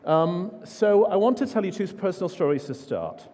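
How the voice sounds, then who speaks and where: A man's voice: high voice, expressive, normal speed, warm tone. A man giving an informal, self-deprecating keynote talk full of stories at a large conference. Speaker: conference speaker. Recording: long hall reverb.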